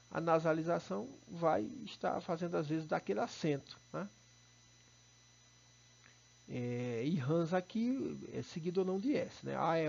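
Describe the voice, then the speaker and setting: Brazilian male teacher, slightly high gravelly voice, patient explainer, dull recording. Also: a little mellow. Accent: Brazilian Portuguese. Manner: explanatory, checks in with students. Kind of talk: recorded online lesson.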